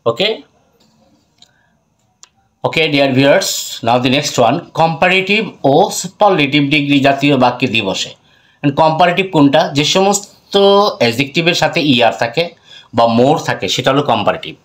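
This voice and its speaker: A man with a Bangladeshi accent teaching an English grammar lesson. He mixes English phrases into his talk, asks questions and answers them himself, and repeats example words slowly. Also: a little high, expressive, fairly bright tone.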